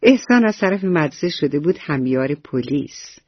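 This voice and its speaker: Gentle, breathy-voiced woman telling bedtime stories. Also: low-pitched, lively intonation, no echo, dull audio. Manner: gentle, addresses children directly. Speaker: bedtime storyteller. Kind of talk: scripted children's story narration. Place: radio studio.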